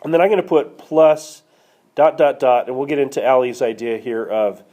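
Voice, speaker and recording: In this classroom screencast, a man with a warm, mid-range voice talks at normal speed as he takes math students through a problem. He asks them questions and checks in along the way, sounding a little hoarse and coughing now and then; the audio comes from a tablet microphone.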